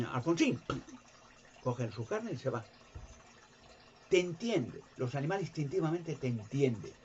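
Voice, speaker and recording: A man giving an impassioned religious monologue, animated, acting out voices and sounds. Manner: animated, jumps in pitch to act out voices and sounds. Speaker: video presenter. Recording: dull lo-fi recording.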